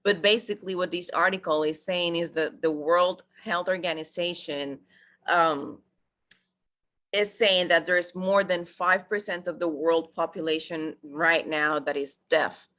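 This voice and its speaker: Upbeat woman, bright voice. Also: fairly low pitch, fairly even intonation, a little slow. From Costa Rica. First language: Spanish. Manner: upbeat, addresses listeners as guys, many fillers. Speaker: project promoter. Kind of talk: enthusiastic presentation.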